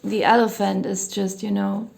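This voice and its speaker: Sirens wail outside her home near a hospital as a German tarot reader gives a casual, relaxed reading. Her mid-range voice is mellow and even at a normal speed, a little hoarse from a cold as she loses it. She wanders, hedging softly and saying "you know" a lot.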